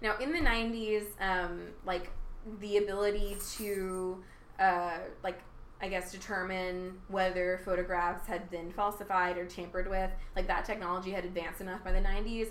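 A young woman co-hosts a casual podcast, rambling through a story with plenty of fillers and laughing asides. Her voice sits at an ordinary pitch and bounces around an echoey room over a faint hiss. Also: flat delivery, normal speed. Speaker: podcast co-host. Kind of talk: casual chat.

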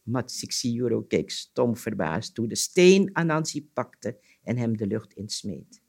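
A man telling a folk tale as a guest on a talk show, narrating in a lively, expressive way. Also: medium pitch, unhurried, gravelly, breathy edge. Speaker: storyteller guest. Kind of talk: storytelling on a radio show.

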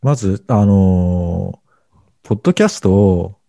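A man's voice: low-pitched, animated, a little slow, gravelly, mellow, no echo. A middle-aged man co-hosting a casual podcast, talking in a hesitant, rambling way full of fillers. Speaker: podcast co-host.

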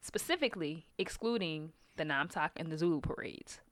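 Lively young New woman. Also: low voice, normal speed, dry recording. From New Orleans. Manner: animated, swooping storyteller. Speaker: podcast co-host. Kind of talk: casual podcast chat.

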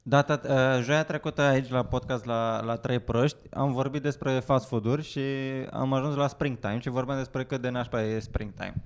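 A man co-hosting a casual podcast, telling a story with lively acted-out dialogue and frequent laughter. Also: medium pitch, few pauses, clear, resonant tone. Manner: animated storytelling, acts out dialogue, laughs often. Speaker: podcast host. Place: Bucharest.

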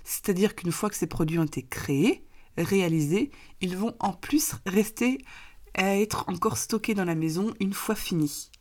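A woman with a hoarse, raspy voice, getting over an illness, explaining practical advice step by step in a vlog. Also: medium pitch, normal speed, a little mellow. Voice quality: raspy, gravelly voice. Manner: didactic, step-by-step explaining with examples. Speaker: minimalism coach and author, presenter.

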